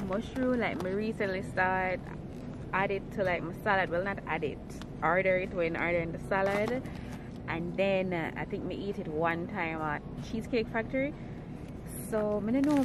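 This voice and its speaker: A woman's voice: mid-range voice, normal speed, background noise. A young woman, chatting casually as she vlogs a grocery run, filmed on a handheld camera at arm's length. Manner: chatty, loose grammar, thinks aloud. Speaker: vlogger. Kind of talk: casual vlog narration while shopping. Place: supermarket aisles, later a home kitchen. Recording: loud store music behind the voice. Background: store music.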